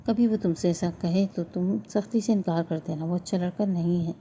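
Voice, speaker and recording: A worried, strict mother from a storybook, as a woman narrator reads her lines. She talks in a low, mellow voice and sounds stern. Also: fairly even intonation, a little hiss or hum, natural voice.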